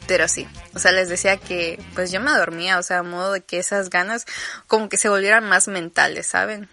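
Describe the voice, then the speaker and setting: A woman's voice: lowish voice, fairly even intonation, a little fast, sharp tone, soft background music. A young woman from Campeche with a Mexican accent, hosting a casual solo podcast, chatty and rambling with playful asides. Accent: Mexican Spanish, Campeche. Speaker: podcast host.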